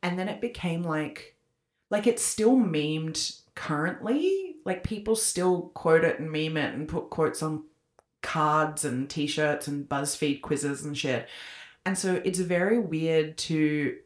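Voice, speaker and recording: Low-voiced chatty woman. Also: slow. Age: 30s. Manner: chatty, rambling, many likes and ums. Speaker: podcast co-host. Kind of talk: casual chat. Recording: echoey room.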